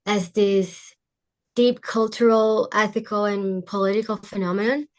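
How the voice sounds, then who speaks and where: A woman's voice: mid-range voice, steady tone, measured pace, darkish tone. Woman, student, prepared question, careful formal delivery.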